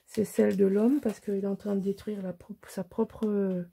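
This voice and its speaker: A woman's voice: mid-range voice, flat delivery, moderate pace, gravelly, mellow, husky. A middle-aged woman from Alsace, chatting casually through a crafting tutorial, rambling and self-mocking with many restarts. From Alsace, France. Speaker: scrapbooking crafter.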